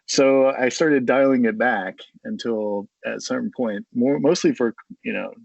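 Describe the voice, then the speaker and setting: A young American man, a podcast guest, rambles in a friendly way with lots of fillers. His low voice is husky and gravelly. The recording sounds dry and a bit dull. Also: measured pace, no echo. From United States. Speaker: coffee company co-founder, guest. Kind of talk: casual interview.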